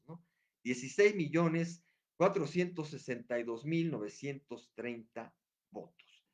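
Man in his sixties with a Mexican accent, hesitant. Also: mid-range voice. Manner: unhurried and chatty, many hesitation fillers and restarts. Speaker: history teacher. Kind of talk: casual history lesson.

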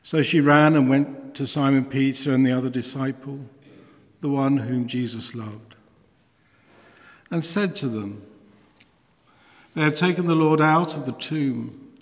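A middle-aged man, a priest, reading scripture in a measured, formal way with echo around his voice. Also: medium pitch. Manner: measured, formal, partly intoned. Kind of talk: solemn liturgical scripture reading. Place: church, at a lectern. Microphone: lectern gooseneck microphone. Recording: long church echo.

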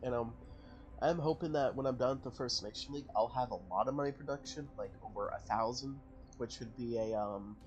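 A gaming channel host with a mid-range voice gives casual let's-play commentary on his strategy game, thinking aloud and correcting himself as he goes. A little hiss or hum is present in the audio.

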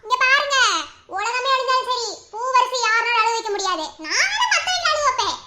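Woman doing a squeaky, cheeky young Madurai woman. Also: animated, brisk, heavy background noise. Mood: boastful. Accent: Madurai Tamil. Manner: cheeky, defiant, pleading by turns. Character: bold chatty young woman, sharp-tongued.

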